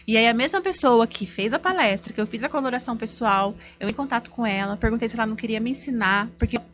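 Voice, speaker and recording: A woman giving a heartfelt, faith-filled testimony as an image consultant on a podcast. She tells her story in a lively way and acts out the dialogue she remembers. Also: fairly high pitch, fast. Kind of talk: personal testimony in a podcast interview.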